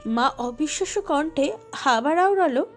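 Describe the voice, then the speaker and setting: Woman storyteller, high voice, emotive scripted narration over soft music. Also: lively intonation, normal speed. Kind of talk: dramatic scripted narration of a romantic audio story.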